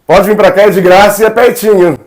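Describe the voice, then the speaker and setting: A man's voice: sits high, steady tone, fast talker. A man from Brazil, a museum coordinator, welcoming visitors in a friendly, inviting way. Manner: friendly, inviting, laughing easily.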